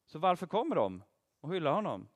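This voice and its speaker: A man giving an interactive Bible teaching, quizzing his listeners and praising their answers. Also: fairly high pitch. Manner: lively, asks the audience questions and praises answers. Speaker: preacher teaching a group.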